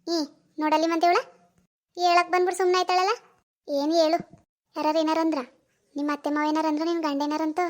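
A woman's voice: very high-pitched, flat delivery, fast talker, long pauses. Woman voicing a firm, caring village mother. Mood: coaxing. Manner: coaxing, scolding. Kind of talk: animated cartoon voice acting.

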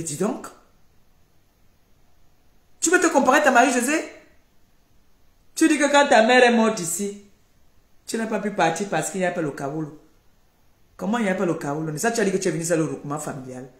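A woman's voice: fairly low pitch, expressive, quick pace. An older woman, ranting on a live stream, scolding and accusing and repeating her points. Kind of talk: heated live-stream rant. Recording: echoey room.

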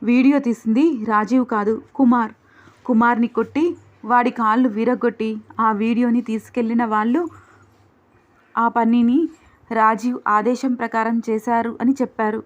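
A woman's voice: fairly high pitch, lightly acted. A woman voicing a bewildered young husband who speaks in an earnest, pleading way. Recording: dull lo-fi recording.

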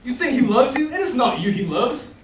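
A young man acts the part of a hooded, smug, mocking Death haggling over souls in an amateur theatre production, taunting sardonically in a very high-pitched, brisk voice with big pitch swings. The recording comes from a distant audience camera on an indoor stage, sounding echoey and remote with faint noise.

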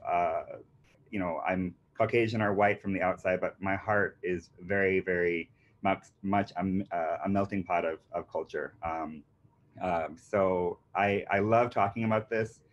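A man in his thirties who grew up in Panama earnestly presents a marketing workshop as the founder of a marketing agency, his low voice steady and measured but full of fillers and restarts. He's indoors on a video call with a virtual beach background, and his computer mic gives dull, lo-fi audio.

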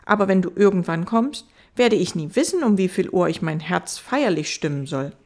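A woman voicing a gentle, wise fox in an audiobook, earnest and patient as it explains. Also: fairly low pitch, expressive, normal speed.

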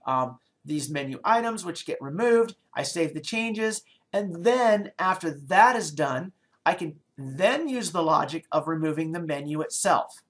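A middle-aged man gives a screencast coding tutorial from a small office, speaking into a desk webcam. His voice is on the high side and a bit bright. As a programming lecturer, he explains each step aloud, often pausing, restarting, or adding fillers while he thinks.

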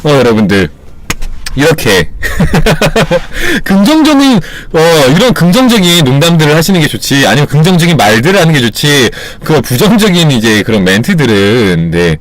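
Lively man talking to stream viewers. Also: a little high, fairly quick, dry recording. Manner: animated, switching into playful acted self-talk; reassuring, encouraging. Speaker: streamer and channel host. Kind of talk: casual talk to live viewers. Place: home streaming setup.

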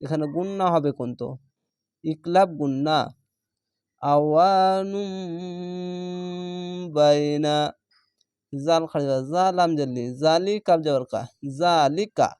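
A man teaching Quran reading, spelling out each syllable and then stretching the whole word slowly. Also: fairly high pitch, darkish tone, no echo, clean studio sound. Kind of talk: step-by-step spelling lesson.

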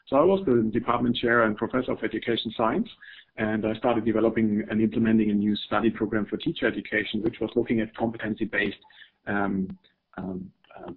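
His voice is fairly low, gravelly and husky. The speaker, a middle-aged German man with a matching accent, presents an academic webinar with hesitation, frequent fillers and repeated words, and the audio sounds phone-like.

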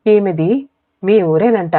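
A woman's voice: mid-range voice, slow. A woman voicing a young working-class woman who talks plainly and firmly, in a tinny phone-like recording. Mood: matter-of-fact. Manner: plain, firm, speaking loudly.

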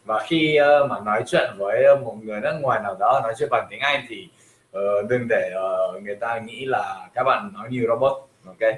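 A man teaching a livestream lesson, talking slowly and hesitantly with many fillers, switching between Vietnamese and English. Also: fairly low pitch, fairly bright tone. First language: French. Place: livestream room. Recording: roomy livestream sound.

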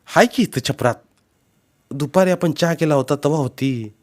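A man's voice: on the high side, moderate pace, voice pushed up, natural voice. A man voicing a timid complaining village wife. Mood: plaintive. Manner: plaintive, soft rural speech.

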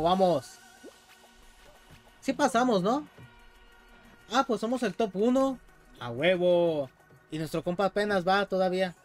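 A young man with a Mexican accent, streaming a game live and commenting in an excitable, swearing, casual way. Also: high voice. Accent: Mexican Spanish. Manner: excitable, swears a lot, yells when stuck.

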